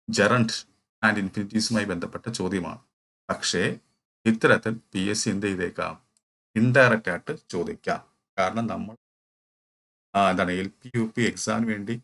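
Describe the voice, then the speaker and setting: A man with a Malayali accent teaches English grammar for an exam in this prep lecture, walking through it step by step and answering his own questions. His voice sits on the low side and has a fairly bright tone.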